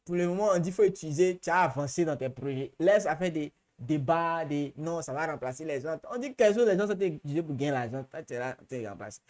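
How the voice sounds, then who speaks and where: A man's voice: on the high side, animated, fast talker, hardly any pauses, a little mellow. A man with an Ivorian French accent, chatty and slangy, running a live workshop question-and-answer session. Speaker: trainer.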